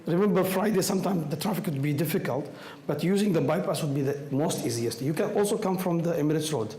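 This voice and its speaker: Hoarse man, non-native English, echoey room. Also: on the high side, mellow. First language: not English. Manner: halting, repeats words and phrases. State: hoarse from a cold, voice nearly gone. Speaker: speaker from an astronomy group taking audience questions. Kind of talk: public question-and-answer talk. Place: indoor room with audience. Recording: echoey room, some background noise.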